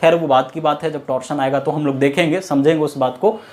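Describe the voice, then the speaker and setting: A man's voice: a little high, steady tone, fairly quick. A man teaching an engineering class, explaining step by step, asking questions and answering them himself. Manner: explains step by step, repeats key terms, asks and answers his own questions; mixes English technical phrases into his talk. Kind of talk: classroom lecture.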